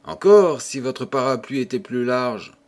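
A man reading an audiobook who voices a coy young working girl with a playful, gently mocking manner. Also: mid-range voice, lively intonation, unhurried, close to an everyday voice. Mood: coy teasing.

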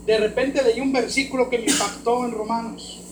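A man with a Mexican accent preaching a sermon as pastor, swinging from hushed words to loud, emphatic ones. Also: very high-pitched, fairly even intonation, normal speed. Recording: roomy hall echo, faint background noise.

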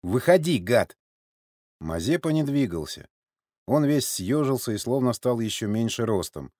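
A man's voice: mid-range voice, animated, normal speed, darkish tone, no room sound, clean studio sound. A man reading an audiobook as narrator, telling the story steadily.

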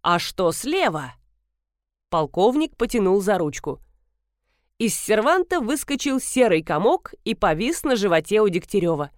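Woman, audiobook narrator, expressive, animated pitch, dry studio sound. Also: normal speed, no echo. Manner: lively, expressive reading. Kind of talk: audiobook narration with character voices.

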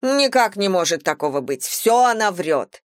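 A woman's voice: medium pitch, sing-song, normal speed, no room sound, clean studio sound, lightly acted. A woman reading an indignant market trader. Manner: indignant, insistent.

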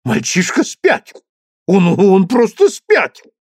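A man's voice: high-pitched, sing-song, slow pace, a little mellow, no echo, clean studio sound, pitched above the performer's own voice, exaggerated voice. A man doing a wheezing, bellowing old duke. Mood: blustering. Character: blustering old male duke, gruff and domineering.

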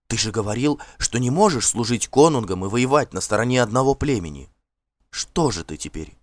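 A man's voice: mid-range voice, lively intonation, brisk, dry recording, natural voice. A man reading the lines of a proud young woman who reproaches a friend for breaking his word. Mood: reproachful.

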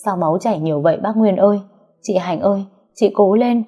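A woman voicing a tearful young woman relative in an audio story, speaking in a choked, hurried way. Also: mid-range voice, dark tone, breathy edge, faint music behind.

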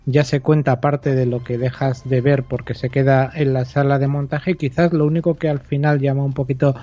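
A man's voice: medium pitch, level tone, fairly quick, mellow, muffled recording. A man on a casual film podcast, explaining at length and often repeating words as he searches for the next one. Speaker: podcast co-host discussing film.

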